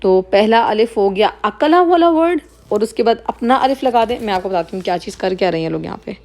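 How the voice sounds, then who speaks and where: A woman teaching Arabic vocabulary, saying each word slowly, repeating it and explaining its meaning. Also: medium pitch, expressive, darkish tone. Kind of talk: slow explanatory lesson, mixing Hindi-Urdu and English.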